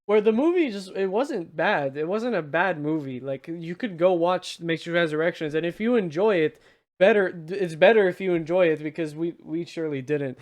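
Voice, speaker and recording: A man's voice: a little high, animated, moderate pace. A tipsy man hosting a podcast, chatting casually and emphatically about movies with some swearing. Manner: tipsy, from drinking on the show. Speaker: podcast host. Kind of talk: casual movie review banter.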